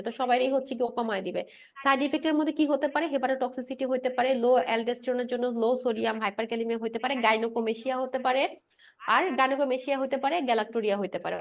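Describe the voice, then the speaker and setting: A high-pitched woman lecturer races through a pharmacology class. She keeps asking the room questions, then answers them herself and repeats each point with a quick "right?". English drug and anatomy terms run all through her talk. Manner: mixes English medical terms into her speech. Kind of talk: explanatory lecture with quiz questions.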